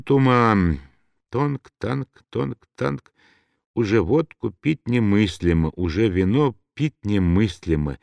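A man narrating a novel as an audiobook in an expressive, dramatic reading. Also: lowish voice, no room sound.

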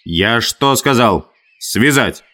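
A man's voice: medium pitch, lively intonation, takes it slowly, exaggerated voice. A man voicing a harsh, bossy boy who leads a tribe and barks commands. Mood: barking orders. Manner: shouted commands.

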